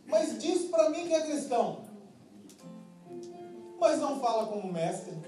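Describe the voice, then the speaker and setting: A pastor from Minas Gerais preaching a sermon in a Minas Gerais accent, humorous and emphatic, telling stories. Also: male voice, very high-pitched, big pitch swings, a little slow, warm tone. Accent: Minas Gerais Brazilian Portuguese. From Minas Gerais, Brazil. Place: church hall before a congregation. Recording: echoey church hall, distant mic, music and congregation.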